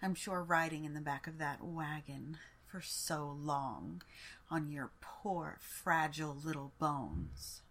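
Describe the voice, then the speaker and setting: A woman voicing a haughty, cruel warlord queen who mocks her captive in a slow, sneering, half-whispered way. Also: low-pitched, a bit bright, full character voice. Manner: sneering, mocking, slow and deliberate.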